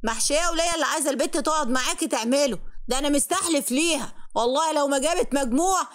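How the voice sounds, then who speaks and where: Girl doing a bossy egyptian dad who scolds and threatens, quick talker, storybook vibe. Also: sits high, voice pushed up, natural voice. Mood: scolding. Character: stern strict middle-aged father.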